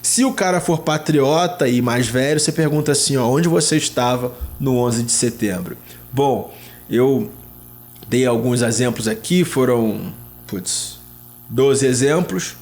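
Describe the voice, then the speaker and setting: A man's voice: mid-range voice, a little slow, darkish tone. A young Brazilian man giving chatty, slangy travel tips, often dropping casual interjections. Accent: Brazilian Portuguese. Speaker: travel vlogger.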